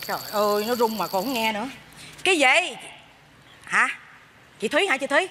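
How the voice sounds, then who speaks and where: A woman plays a greedy, scheming mother in a live stage comedy, loud and exclaiming as she bickers. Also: on the high side, expressive, normal speed, slight background noise. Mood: fretting. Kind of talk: Southern Vietnamese stage comedy acting. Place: theatre stage.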